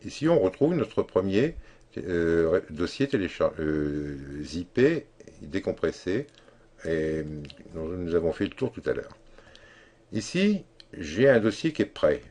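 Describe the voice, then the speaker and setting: A man giving a screen-recorded software tutorial, explaining step by step in a halting way with many fillers and restarts. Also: low-pitched, big pitch swings. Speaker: tutorial instructor.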